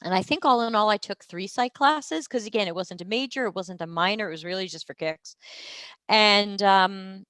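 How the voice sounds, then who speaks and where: A woman's voice: medium pitch, moderate pace, fairly bright tone, dry recording. A woman in her forties telling her career story in a casual live-stream monologue, chatty and self-deprecating, with many ums and uhs. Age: 40s.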